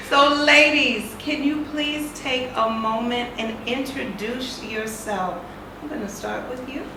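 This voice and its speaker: A woman's voice: on the high side, takes it slowly. A woman hosting a casual interview with a playful, laughing manner. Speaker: talk show host. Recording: echoey room with background noise.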